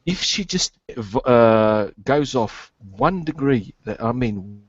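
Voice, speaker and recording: A man's voice: mid-range voice, expressive, no echo. Man on a breaking-up internet call. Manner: halting, many fillers and restarts. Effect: audio breaking up over a bad internet connection. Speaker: guest on an online call-in stream. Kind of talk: casual online chat. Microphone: online voice call. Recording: dull lo-fi dry internet call.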